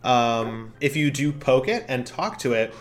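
A man's voice: medium pitch, animated, a little slow. A man improvising narration as game master of a tabletop game, hesitantly searching for his words.

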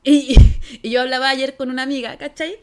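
A young Chilean woman chatting casually as a podcast co-host, animated, laughing and acting out her reactions. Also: sits high, a little fast, smooth. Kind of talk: casual chat.

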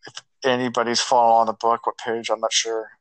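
A man's voice: medium pitch, completely flat delivery, fast talker, fairly bright tone, a little hiss or hum, rough recording. A man co-hosting a podcast over an online voice call, recapping the plot at length with lots of fillers. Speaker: podcast co-host. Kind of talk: casual book discussion chat.

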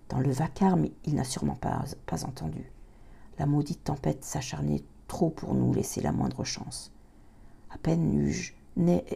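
Gravelly low-voiced woman reading aloud. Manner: slow, dramatic, drops to a breathy hush in tense passages; stumbles and corrects herself mid-sentence. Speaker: reader of a novel.

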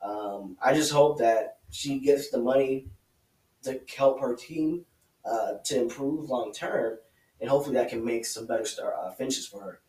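A man's voice: medium pitch, moderate pace, warm tone. A man co-hosting a casual motorsport podcast, talking in a hesitant way with many fillers and restarts. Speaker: podcast co-host. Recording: roomy, distant mic.

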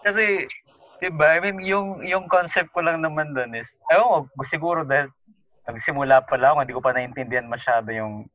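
A man's voice: fairly high pitch, a little fast, fairly bright tone, no room sound, lo-fi sound. A man co-hosting a casual group chat, talking in a hesitant, rambling way. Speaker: co-host.

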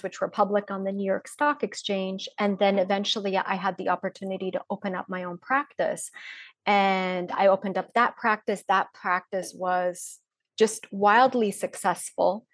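A woman's voice: mid-range voice, level tone, normal speed, no echo, studio quality. A woman in her forties from Poland, a breathwork and mindset mentor, talking openly and reflectively as a podcast guest, with frequent fillers. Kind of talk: casual interview talk.

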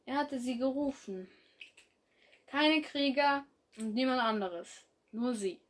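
A woman's voice: high-pitched, takes it slowly. A young woman reading her own fan story aloud in a casual way, with slips and restarts as she goes.

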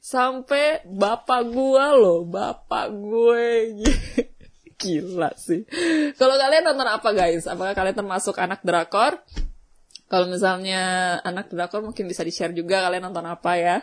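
A young woman, hosting a vlog and chatting casually with viewers, telling a story in a slangy, animated way. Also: fairly low pitch, moderate pace. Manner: chatty storytelling, slangy Jakarta-style, animated when excited. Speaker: vlog host.

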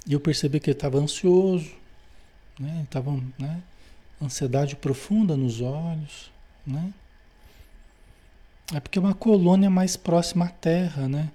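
Dark-voiced Brazilian man teaching. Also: on the high side, moderate pace, pauses often. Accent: Brazilian Portuguese. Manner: explanatory, tags nearly every phrase with a checking question. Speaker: study group leader. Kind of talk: reading aloud a spiritual book and explaining it.

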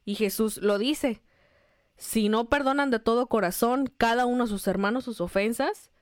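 Clear-voiced woman reading scripture earnestly. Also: fairly high pitch, normal speed, dry recording, clean studio sound. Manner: earnest, preacherly. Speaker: podcast co-host.

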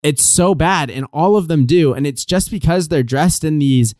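A man co-hosting a casual film review podcast, talking in an animated, sarcastic way and laughing often. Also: on the high side, moderate pace, no room sound, studio quality. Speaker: podcast co-host.

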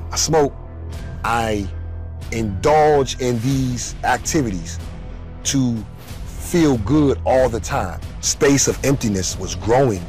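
A young man telling his personal testimony in an earnest, emotional way, with sudden rises in pitch. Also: a little mellow. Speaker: testimony speaker.

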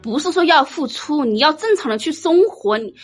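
A woman giving an informal dharma talk as a Buddhist teacher, blunt and teasing, telling lively stories. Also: sits high, brisk, soft background music. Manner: blunt, teasing, animated storytelling.

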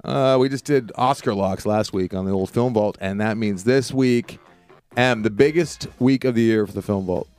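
A man's voice: lowish voice, normal speed, darkish tone, clean tone, faint music behind. An American man chatting casually and informally as a podcast co-host, repeating himself for emphasis. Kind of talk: casual chat.

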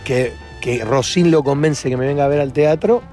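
A man in his fifties with an Argentine accent, a comedian guest telling anecdotes in a lively way, laughing often and acting out the voices of the people he quotes. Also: mid-range voice, moderate pace, faint music behind. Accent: Argentine Spanish.

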